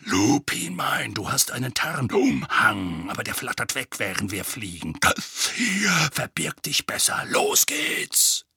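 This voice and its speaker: A man voicing a gruff, grizzled old male wizard soldier in an audiobook, barking curt orders slowly. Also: mid-range voice, big pitch swings, pushed and bright, no room sound, clean studio sound, exaggerated voice. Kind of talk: audiobook character voice.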